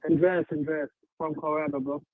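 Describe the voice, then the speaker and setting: A man's voice: a little high, little pitch movement, moderate pace, no echo. Faint male caller, phone held away. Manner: laid-back, peppers talk with "bro" and "like". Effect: phone held away from the mouth, faint and distant. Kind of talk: casual call-in chat. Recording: tinny phone line, dry.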